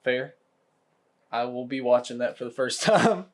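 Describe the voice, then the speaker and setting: Male podcast co-host, casual listener, quick amused interjections. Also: medium pitch, animated. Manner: short amused reactions, laughs often. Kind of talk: casual chat.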